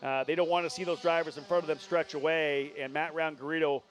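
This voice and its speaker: A man's voice: fairly high pitch, steady tone, fast. A man working as a motorsport commentator, giving live play-by-play and running through drivers and positions.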